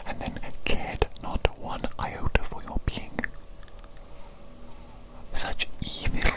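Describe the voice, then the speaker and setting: A woman plays an evil, doting mad doctor in a whispered ASMR medical roleplay, her natural voice turned into a breathy whisper. She speaks slowly and theatrically, repeating herself in formal, old-fashioned phrasing.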